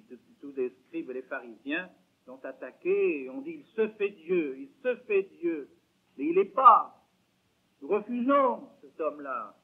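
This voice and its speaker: A slightly high, husky male voice belongs to an older man delivering an emphatic religious lecture full of rhetorical questions and repeated words. The recording is a tinny, lo-fi 1970s lecture tape.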